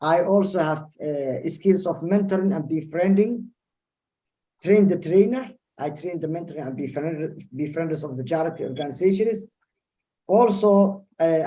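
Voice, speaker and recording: A woman from Somalia introducing herself haltingly on a video call as a guest speaker. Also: fairly low pitch, mellow. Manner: halting, with restarts. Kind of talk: self-introduction.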